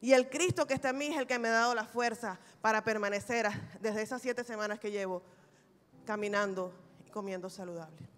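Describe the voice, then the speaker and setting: A woman pastor preaching a sermon, telling a personal testimony in an animated, humorous way. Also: mid-range voice, fairly quick. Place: large church hall. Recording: reverberant church hall recording.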